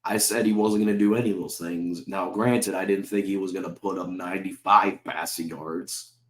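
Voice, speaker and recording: Here a man sits low in pitch and keeps a steady tone at normal speed, his words echoing in a reverberant space. Sore-throated, he runs his own sports channel and rants to camera as an angry fan, swearing a lot and repeatedly throwing out rhetorical questions.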